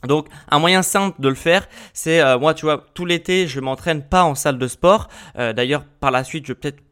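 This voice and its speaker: A man's voice: on the high side, normal speed, fairly bright tone, clear, resonant tone. Chatty man explaining fitness on a podcast. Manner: addresses listener informally, frequent filler sounds and restarts, checks in with "ok?". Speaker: podcast host. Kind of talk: casual health and fitness podcast talk.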